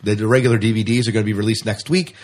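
A podcast host trades casual banter, chatty, jokey, and enthusiastic, often repeating himself for emphasis. He talks very fast in a lowish voice with fairly even intonation.

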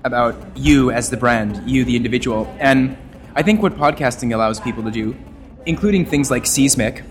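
Wordy, expressive man talking shop. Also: medium pitch, normal speed. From Canada. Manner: expressive, wordy, plays with his voice. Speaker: guest, journalist and podcaster. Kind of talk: casual interview talk.

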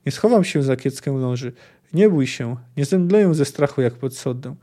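A man's voice: medium pitch, animated, moderate pace, warm tone, lightly acted. A man reading aloud and voicing a young sorceress who speaks in a clipped, cold, firm way. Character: frightened then resolute young female sorceress.

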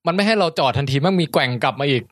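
A man co-hosting a podcast, telling a story about a trip in an animated, casual way. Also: a little high, racing, dry recording, clean studio sound. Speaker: podcast co-host.

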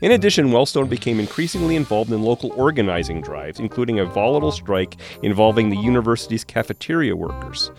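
Man, reading a book passage aloud, steady and measured, mid-pitched, clear music behind.

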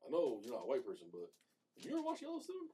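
Fast-talking, husky man in his thirties. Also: mid-range voice, huge pitch swings, mellow. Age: 30s. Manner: laid-back, rambling, jokey. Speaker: podcast co-host. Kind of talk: casual chat.

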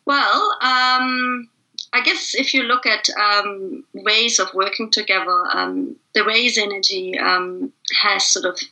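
Middle-aged German woman, native German speaker, interview guest: a very bright voice, hesitant and reflective, lots of ums. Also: medium pitch, poor audio. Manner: thoughtful, many fillers and restarts. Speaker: guest, facilitation trainer. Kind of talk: casual interview conversation.

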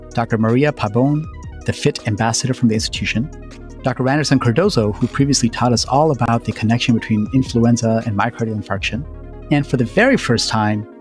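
Guy host doing intros, upbeat and welcoming, soft music under. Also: medium pitch. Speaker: podcast host. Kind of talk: scripted introduction.

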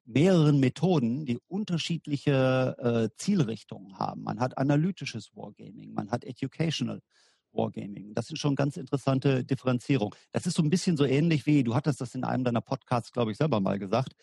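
A man from Germany, a war gaming lecturer, appears as a podcast interview guest, explaining his field at length hesitantly and with many fillers. His medium-pitched voice is gravelly, dark, and breathy at the edges, moving a little fast, with no echo.

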